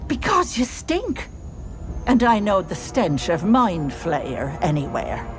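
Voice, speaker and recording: A woman's voice: mid-range voice, huge pitch swings, slow, music in the background. A woman voicing a bossy, sly old auntie hag in a video game, folksy and cajoling, with menace under the sweetness. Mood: wheedling, sly.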